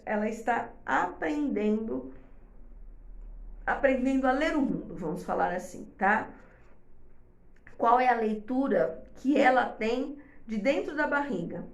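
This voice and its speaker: A woman host gives casual advice to mothers watching, chatting in a gravelly voice that sits on the high side. The room is echoey. She explains things step by step and often checks in with "tá?".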